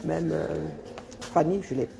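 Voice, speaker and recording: A woman with a Cameroonian French accent who films her coworkers on her phone in a workplace break area. She talks loudly and teases them with joking banter. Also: low-pitched, a little slow, vocal fry, background noise. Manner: loud, teasing, joking banter. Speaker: vlogger filming coworkers. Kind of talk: casual workplace vlog chat. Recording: coworkers chatting in the background.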